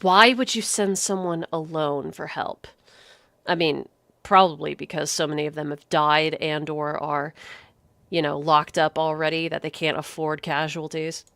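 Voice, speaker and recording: A woman's voice: low-pitched, fairly even intonation, measured pace, a bit bright, no room sound. A woman streaming a video game, chatting casually and cracking sarcastic jokes. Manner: sarcastic, joking. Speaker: gaming streamer. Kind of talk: casual chat over gameplay.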